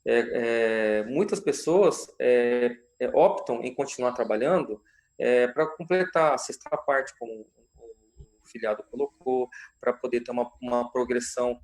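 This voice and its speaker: A man's voice: mid-range voice, measured pace, a little mellow. A man working as a lawyer, answering questions on a live stream in an explanatory way, with many fillers and tag questions. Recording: roomy echo.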